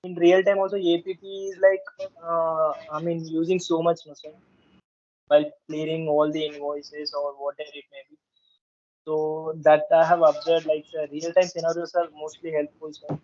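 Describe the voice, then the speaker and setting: A man's voice: a little high, level tone, normal speed, darkish tone. A male student with a Telugu Indian accent giving hesitant, deferential feedback and saying sir very often. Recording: muffled online call.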